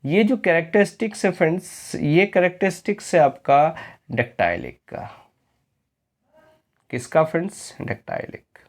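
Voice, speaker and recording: A male teacher giving an exam-prep lecture, reading English definitions slowly and often asking the students if it is clear. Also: fairly high pitch, animated. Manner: slow, drawn-out reading of English definitions, quizzing questions to students; repeatedly asks "clear friends?".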